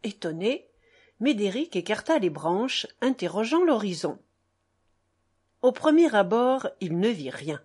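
A woman narrating a classic tale in a measured, expressive reading voice. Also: mid-range voice, slightly rough. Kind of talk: audiobook narration.

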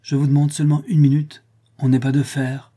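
A loyal old squire with a good heart in a storybook reading, voiced by a man. He talks in a bluff, protective way with a dark, husky tone. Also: on the low side, moderate pace. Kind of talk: audiobook character voice.

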